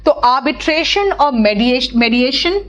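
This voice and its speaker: High-voiced Hindi-speaking woman teacher. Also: expressive. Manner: explains in Hindi mixed with English terms, calls students beta; quick, chatty, repeats key words. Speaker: English teacher. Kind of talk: live online class.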